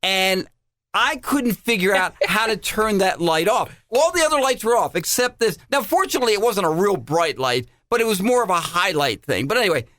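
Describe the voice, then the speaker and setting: A man's voice: high voice, very animated, normal speed, bright, forceful tone, no echo, clean studio sound. A man co-hosting a podcast, telling a hotel story in casual chat with self-deprecating jokes. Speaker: podcast co-host.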